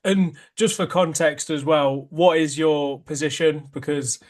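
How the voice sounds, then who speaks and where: A man hosts a casual podcast, his speaking voice a little higher than most men's. He keeps his questions short and relaxed. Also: unhurried. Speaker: podcast host.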